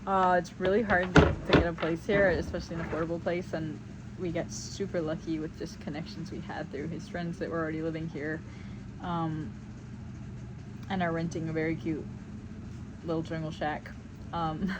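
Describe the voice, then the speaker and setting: A woman's voice: deep voice, little pitch movement, normal speed. A young woman vlogger chatting casually while she paints, rambling and upbeat with lots of fillers. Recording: noticeable background noise.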